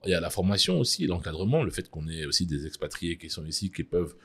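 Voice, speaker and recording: A middle-aged man answering interview questions in a formal, measured way, often pausing on fillers. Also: low voice, animated, a bit bright, breathy edge. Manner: measured, hesitant with frequent fillers. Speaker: interviewee, mining executive.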